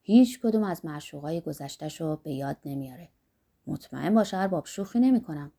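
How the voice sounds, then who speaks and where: A woman voicing a rough, lusty old man who talks bluntly and boastfully about life and age. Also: low voice, expressive, warm tone, pitched below the performer's own voice, full character voice. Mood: earthy musing.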